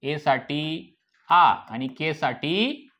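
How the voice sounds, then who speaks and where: A man with a Marathi accent teaches phonics at a very unhurried pace. He spells each word out letter by letter. He keeps asking the class questions and then answers them himself. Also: on the high side, expressive, pushed and bright. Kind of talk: slow phonics lesson.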